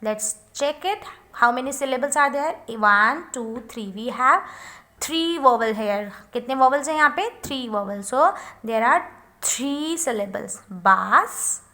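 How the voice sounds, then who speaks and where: A woman gives a phonics lesson at a very slow, careful pace. Her voice sits a little high, and she stretches out each word as she sounds it for the listener. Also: expressive, sharp tone. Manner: switches between Hindi and English, slow drawn-out sounding of words. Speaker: phonics teacher. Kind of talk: home-recorded phonics lesson.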